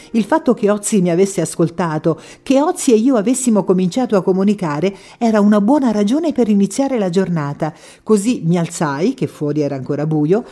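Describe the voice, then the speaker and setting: A woman reading a first-person story as an audiobook, expressive and full of feeling. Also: on the low side. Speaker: audiobook narrator.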